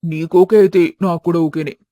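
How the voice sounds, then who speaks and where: A woman's voice: on the low side, fairly even intonation, brisk, dry recording, narrow, tinny audio, voice pushed down, natural voice. A woman voicing a middle-aged, easygoing father in a storybook tale. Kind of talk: storybook voice acting.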